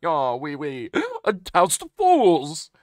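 Streamer doing a grandiose villain voice, loud slow old-timey speech, pompous and menacing. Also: male voice, mid-range voice, very animated, husky, exaggerated voice. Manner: loud, drawn-out, theatrical archaic speech. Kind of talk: improvised character voicing during a game stream.

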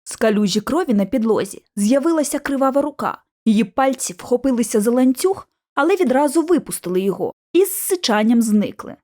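A woman's voice: fairly high pitch, animated, fairly quick, hardly any pauses, mellow. Woman reading a tense audiobook. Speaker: audiobook reader. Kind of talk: audiobook narration.

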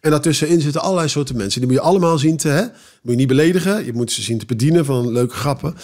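A man who performs cabaret, telling rambling, animated anecdotes with many restarts in a casual podcast interview. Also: on the high side, rapid-fire.

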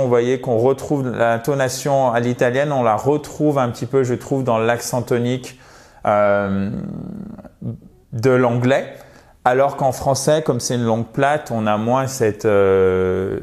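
A man teaching English pronunciation in an online lesson, patient and friendly, modelling words slowly and checking in often. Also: mid-range voice, darkish tone.

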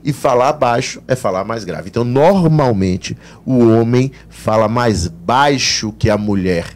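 Brazilian male teacher, lively pitch, explains physics to a broadcast class. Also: measured pace. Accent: Brazilian Portuguese. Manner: animated explanations, voices students' questions. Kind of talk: live exam-prep class broadcast.

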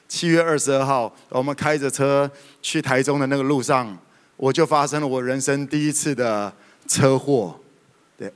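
A man preaching a sermon, telling stories in a lively way with sudden loud outbursts. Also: medium pitch. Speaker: pastor. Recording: reverberant hall.

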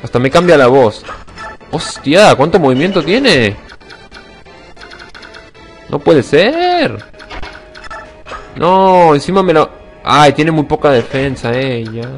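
A young man giving casual let's-play commentary, excitable and swearing, shouting when attacks miss. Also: medium pitch, normal speed, soft background music. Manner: excitable, swears a lot, sudden shouts at misses. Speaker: gaming channel host.

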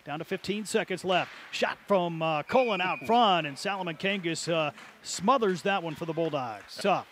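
A man's voice: high voice, normal speed, fairly bright tone, slight background noise. A man calling ice hockey play-by-play in an arena, rattling through the action and erupting on goals. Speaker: play-by-play announcer. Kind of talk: play-by-play sports commentary.

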